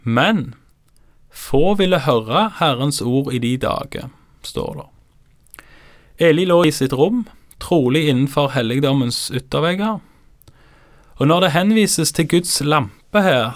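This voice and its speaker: A man acting as a Bible teacher, giving calm, explanatory commentary on scripture. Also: mid-range voice, no room sound, studio quality.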